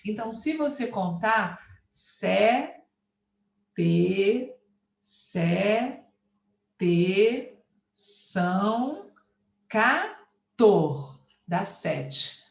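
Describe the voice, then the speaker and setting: In an echoey room, a Brazilian woman with a mid-range voice and a Brazilian Portuguese accent lectures an online class. She explains the lesson patiently, counting syllables aloud as she goes.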